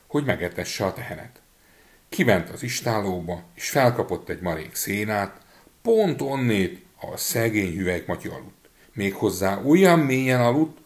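Low-pitched male storyteller, expressive fairy-tale reading. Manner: expressive, changing voices for figures.

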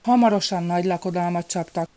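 A woman narrates a folk fairy tale in a calm, measured way. Her voice sits low and sounds mellow and warm. It is steady storybook narration.

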